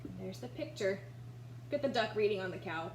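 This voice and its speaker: A woman reads a children's storybook aloud for young listeners, animated and commenting on the pictures. Her mid-range voice is expressive, brisk, and creaky with a darkish tone. The recording is rough, with a noticeable background hum.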